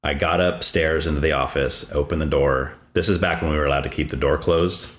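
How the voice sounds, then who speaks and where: A man's voice: extremely low pitch, a little fast. A man hosting a podcast, talking in a casual conversation and telling a personal story with growing animation. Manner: animated storytelling, voice rising when excited.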